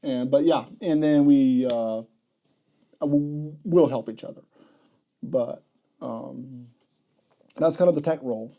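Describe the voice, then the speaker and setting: A man's voice: mid-range voice, slow, pauses often, highs cut off. A young man, a podcast guest, chatting casually about his emergency room job, rambling and correcting himself as he goes. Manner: rambling, self-correcting, animated retelling. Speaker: podcast guest, ER health unit coordinator.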